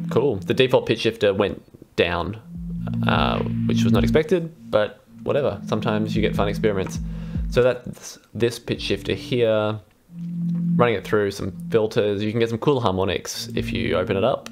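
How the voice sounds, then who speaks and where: Gravelly and fairly low, this young man's voice is animated and moves at a normal speed. He's an electronic musician and vlog host, casually walking through a patch demo in a laid-back way from a small room at his computer, synth music in the background.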